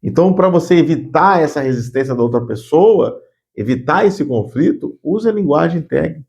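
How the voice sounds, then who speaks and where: A man's voice: on the high side, lively intonation, moderate pace, gravelly, a little mellow. A man giving an earnest spoken lesson on workplace communication, often repeating words as he thinks. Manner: acts out curt bossy phrases as examples.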